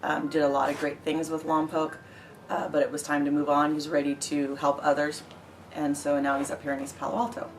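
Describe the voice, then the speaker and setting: Low-voiced woman, flat and quiet. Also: a little fast, noisy background. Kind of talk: documentary interview. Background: music.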